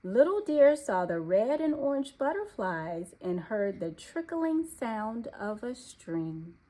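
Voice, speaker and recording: A woman reads a children's storybook aloud in a deliberate, expressive manner, her voice slightly high. The recording quality is low.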